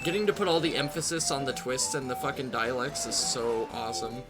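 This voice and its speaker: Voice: mid-range voice, brisk. A let's-play gamer giving casual, joking, profane commentary over game music. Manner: joking, profane, laid-back.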